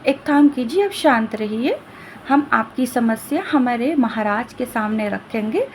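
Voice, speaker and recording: A woman storyteller voicing a gentle young noblewoman from a golden kingdom who speaks politely and soothingly. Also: on the high side, lively intonation, measured pace, a little hiss or hum. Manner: soothing, polite, formal reassurance.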